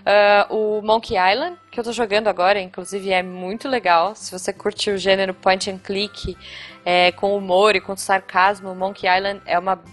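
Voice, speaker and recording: A woman's voice: medium pitch, level tone, normal speed, faint music behind. Chatty Brazilian woman gushing about games. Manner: enthusiastic, chatty, peppered with fillers and slang. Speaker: podcast co-host. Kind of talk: casual chat.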